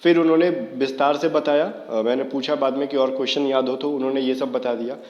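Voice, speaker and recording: A man's voice: mid-range voice, steady tone, a little fast, darkish tone, highs cut off. Hindi-speaking man in an echoey room. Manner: talks straight to viewers, many fillers like "theek hai". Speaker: online exam coaching teacher. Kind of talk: casual Hindi video lesson. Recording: echoey room with long reverb.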